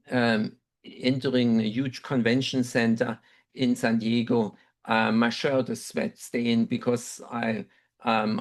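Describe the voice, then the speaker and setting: This webinar speaker is a middle-aged dental researcher whose first language is German, and his accent shows it. His mid-range voice is gravelly, and he recounts a personal story thoughtfully and deliberately, pausing often and filling gaps with ums.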